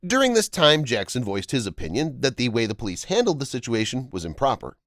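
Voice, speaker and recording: A man narrates a scripted news story in a formal, measured way. His mid-pitched voice moves up and down in an animated fashion. The sound is dry, with no room around it. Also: no room sound. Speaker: narrator of a viral-story video channel.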